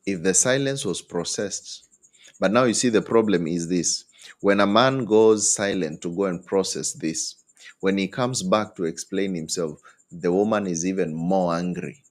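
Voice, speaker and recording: A man giving relationship advice to an audience. He talks in an animated way, jumps his pitch up when acting out what partners say, and keeps checking in with "hmm?" and "eh?". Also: measured pace. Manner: animated, acts out quoted partners with leaps in pitch; tag questions like "hmm?" and "eh?". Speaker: relationship speaker.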